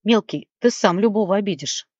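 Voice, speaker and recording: A laconic young man, as a woman narrator reads him, teasing in short, dry remarks. The voice stays at the reader's own middle pitch. The recording is dull and dry. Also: brisk, no room sound, close to an everyday voice.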